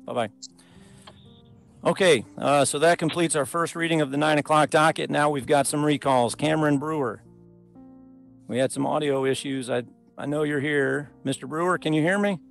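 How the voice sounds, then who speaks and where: A man speaks as a judge running a remote court docket. His voice sits a little high and has a gravelly creak. His delivery is procedural, plain and courteous. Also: normal speed, soft background music. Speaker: judge presiding over traffic court. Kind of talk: procedural court talk on a video hearing. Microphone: video call.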